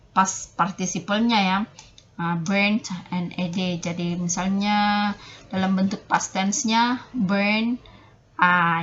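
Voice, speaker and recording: Woman lecturer, slow delivery, hesitant with many fillers, dull lo-fi sound. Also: mid-range voice, a bit bright. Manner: halting, many fillers and restarts, mixing English terms into explanation. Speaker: English lecturer. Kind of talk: online phonology lecture.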